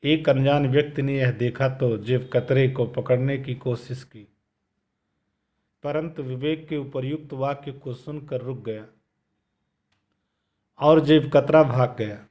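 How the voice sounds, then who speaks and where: A male school teacher takes his time through a recorded grammar lesson. He speaks very slowly, with a voice of middling pitch, and he repeats key phrases so they sink in. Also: fairly even intonation, a little mellow. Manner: slow, deliberate explaining with repeated phrases. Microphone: video lesson recording.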